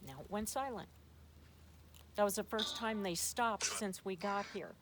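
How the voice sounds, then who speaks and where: Her medium-pitched voice keeps a measured pace as she, a paranormal investigator host, runs a spirit box session. She asks spirits questions aloud with frequent repetition, and the recording is noisy with clicks.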